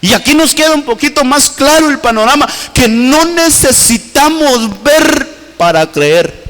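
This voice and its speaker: A man preaching a sermon as pastor in a church, fervent and swinging his pitch widely while calling his listeners brother. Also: expressive, a little slow, a bit bright. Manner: fervent preaching with sweeping pitch swings, repeatedly addressing "hermano". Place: church hall. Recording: long church reverb.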